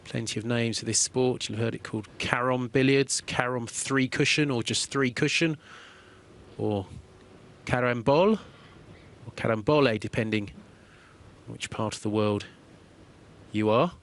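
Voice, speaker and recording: A man giving calm, explanatory play-by-play commentary on a billiards match. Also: medium pitch, measured pace, slight background noise. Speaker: sports commentator.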